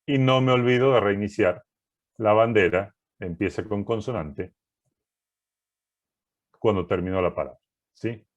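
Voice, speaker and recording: Male programming teacher, unhurried delivery, methodical, keeps checking in with the class. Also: on the low side, dull audio. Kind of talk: recorded class walking through code.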